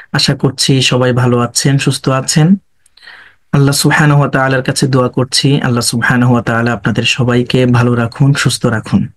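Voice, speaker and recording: A man teaching an online Quran reading class, greeting students with blessings and drilling Arabic letters slowly and repeatedly. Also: mid-range voice. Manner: slow, drawn-out letter drills.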